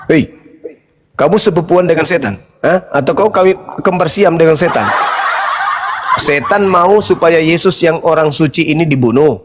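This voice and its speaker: A high-pitched man argues over an online call. He is combative and mocking and keeps firing the same question back. He laughs at his opponents. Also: normal speed, noisy background. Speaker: debater in an online interfaith discussion. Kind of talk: heated debate.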